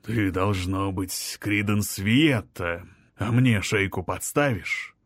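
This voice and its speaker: A man doing a slow, purring sorcerer lord. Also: fairly low pitch, dry recording, studio quality. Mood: purring menace. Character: menacing male sorcerer lord, purring and mocking.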